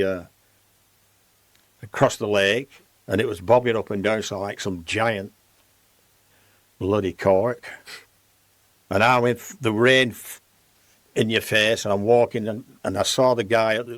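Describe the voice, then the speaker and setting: A man's voice: lowish voice, moderate pace, pauses often, no room sound. A man, telling rambling stories as a podcast guest. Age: 80s. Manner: rambling, lively anecdotes with restarts. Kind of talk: storytelling in casual conversation.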